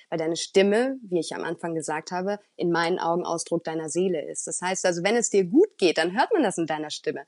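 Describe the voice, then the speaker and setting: A woman voice coach who talks earnestly and expressively as an interview guest, with the odd filler pause. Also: medium pitch, a little mellow, no echo, studio quality. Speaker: voice coach and speaker.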